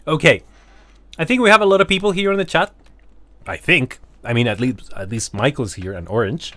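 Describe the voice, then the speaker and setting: A man talks to his stream chat while he plays, his voice sitting at an ordinary middle pitch. He rambles along casually, drops curse words without a second thought, and laughs at himself as he goes. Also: a little fast, bright, forceful tone, no room sound. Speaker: game streamer.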